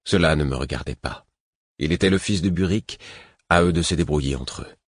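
A man narrating a fantasy novel in the first person, steady and measured. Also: a bass voice, dry recording, clean studio sound. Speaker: audiobook narrator.

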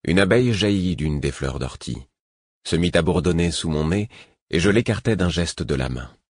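Low husky guy reading a fantasy audiobook, steady and measured, dry close sound. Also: dry recording. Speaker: audiobook narrator. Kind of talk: scripted first-person narration.

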